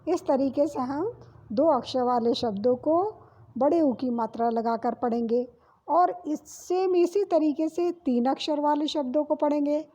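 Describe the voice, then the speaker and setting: A woman's voice: high-pitched, measured pace, dark tone. A woman teaching a kindergarten language lesson who sounds out each word, repeats it twice, and answers her own questions. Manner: asks questions and answers them herself. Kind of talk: classroom lesson for small children.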